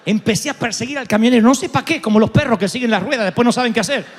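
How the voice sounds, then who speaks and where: Un pastor argentino de voz aguda predica con una energía teatral, alternando relatos con humor y gritos repentinos. Su voz resuena con una larga reverberación, como en un gran salón de iglesia. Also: male voice, extremely high pitch, very fast, slight background noise. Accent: Argentine Spanish. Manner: animated storytelling with sudden shouts and humor. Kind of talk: sermon. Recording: long reverb of a large hall.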